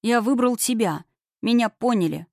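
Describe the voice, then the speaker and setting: A woman voicing a lively, cheerful young man in love, talking in an excited, boyish, joking way. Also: fairly high pitch, normal speed, gravelly, no echo, studio quality, pitched above the performer's own voice. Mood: tender.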